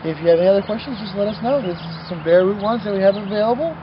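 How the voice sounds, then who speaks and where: A man explains his plants casually. Traffic noise is clearly heard behind him. The recording sounds a bit muffled. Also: high-pitched, very fast. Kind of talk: casual informative talk.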